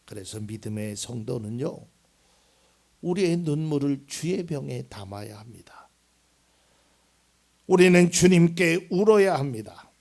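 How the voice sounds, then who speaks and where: High, gravelly-voiced male pastor preaching. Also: expressive, a little slow, pauses often. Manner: swings between loud preaching and soft near-whispers. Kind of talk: sermon. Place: church sanctuary.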